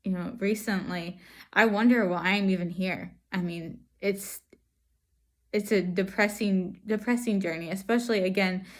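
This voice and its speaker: A woman speaks from behind a face mask in a mid-pitched voice. She gives an earnest personal account to viewers, reflective and halting, often pausing to find her words. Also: steady tone. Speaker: vlogger sharing stroke recovery. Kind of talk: personal testimony to camera.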